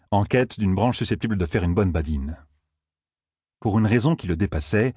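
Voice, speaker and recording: A man narrating an audiobook in a measured storytelling manner. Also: fairly low pitch, darkish tone, slightly rough, no room sound, studio quality. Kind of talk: scripted narration.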